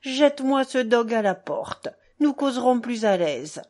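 A woman reading aloud and voicing a tiny, lively man who is cheerful and teasing, with playful exclamations. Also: on the high side, a little slow. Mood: coaxing.

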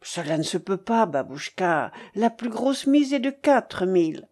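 Role: deferential young male companion in an audiobook, read by a woman, slow and mellow. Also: mid-range voice, big pitch swings. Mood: cautious. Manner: measured, deferential. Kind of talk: audiobook character voice.

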